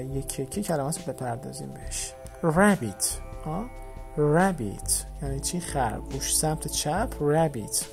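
Gravelly man teaching English words slowly. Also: fairly high pitch, dark tone. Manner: slow repeated English words, then Persian meanings. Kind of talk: children's English lesson.

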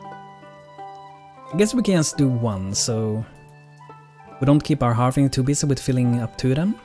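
A man's voice: mid-range voice, animated, unhurried, mellow, faint music behind. A man giving casual live gameplay commentary as a streamer, rambling and repeating words for emphasis. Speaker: game streamer.

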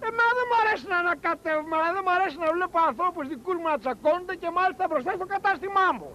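Wheedling con-man witness, very high voice, roomy old film sound. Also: animated, background noise. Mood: scheming. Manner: wheedling, persuasive, haggling. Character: smooth-talking, scheming male con-man witness. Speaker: professional false witness.

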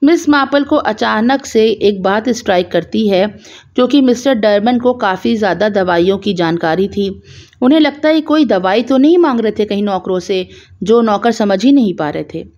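A woman retells a detective story in a relaxed, conversational way, adding small explanatory asides as she goes. Her voice sits at an ordinary middle pitch. The recording is a little dull and lo-fi. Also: normal speed.

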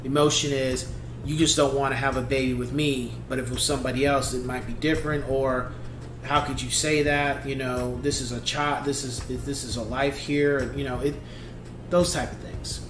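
A man in his thirties giving a casual album review from a seated spot at home, talking in a halting, thoughtful way with many restarts. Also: medium pitch, little pitch movement, roomy sound, noisy background. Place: small home room, seated indoors.

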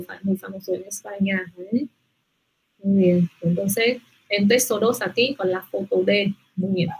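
A woman's voice: medium pitch, husky, rough recording. A woman teaching a language class, patiently praising students and checking with them often. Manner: patient, repeats "muy bien" and "¿vale?" often. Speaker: Spanish teacher.

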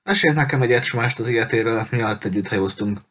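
A man reading the part of a mysterious woman from a pirate crew, speaking calmly and guardedly through a door, in a spoken storybook. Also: medium pitch, slight background noise, close to an everyday voice. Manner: calm, guarded, quietly knowing.

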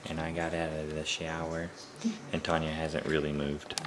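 A man's voice: rumbling low, moderate pace. A young man casually rambling through a home and car vlog, full of fillers. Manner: rambling, relaxed, filler-heavy. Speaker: vlogger. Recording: noisy home video, car noise.

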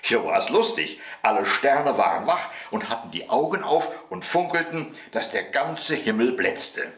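Expressive male bedtime storyteller. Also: medium pitch, normal speed. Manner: gentle, expressive reading. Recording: roomy echo.

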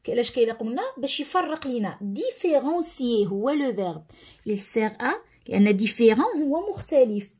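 Moroccan woman, schoolteacher explaining a lesson, warm and slightly high voice. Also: animated, brisk, husky. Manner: mixes French terms into Arabic, asks "understood?" often. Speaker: teacher.

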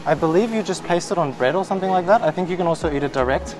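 A man's voice: a little high, very fast, music in the background. A man speaking through a face mask in a supermarket, chatting casually and curiously as he shows products to his viewers. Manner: chatty, curious, explaining as he browses. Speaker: vlogger. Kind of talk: casual walk-and-talk vlog. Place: indoors in a supermarket.

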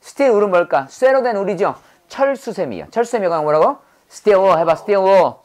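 Woman English teacher, lively classroom drill voice, has learners repeat after her. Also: medium pitch, moderate pace. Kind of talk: English vocabulary lesson.

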